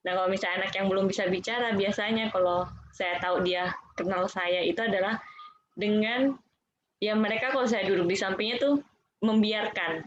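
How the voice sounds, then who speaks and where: A woman talks in a loose, chatty flow, dropping fillers as she tells about teaching special-needs children. Her voice sits at an ordinary middle pitch. The sound is dull and lo-fi, like audio from an online call. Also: steady tone, a little fast. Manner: chatty, heavy use of fillers. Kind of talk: casual live chat storytelling.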